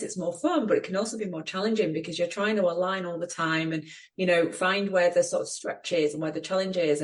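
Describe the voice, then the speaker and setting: A middle-aged woman co-hosting a podcast, talking in an earnest, reflective way with many "you know"s. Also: fairly low pitch. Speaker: podcast co-host. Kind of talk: casual chat.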